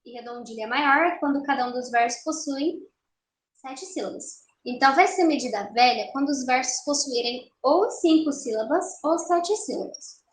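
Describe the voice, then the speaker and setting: A young woman teaching an online literature lesson, explaining patiently and slowing down to count syllables aloud. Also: high voice. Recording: roomy echo.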